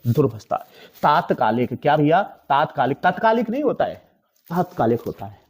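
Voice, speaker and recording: A man's voice: on the high side, sing-song, brisk, slightly rough. A male teacher coaching exam candidates on correct spelling. He keeps asking the class rhetorical questions, answers them himself, and repeats each word several times with heavy stress. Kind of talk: exam-prep spelling lesson.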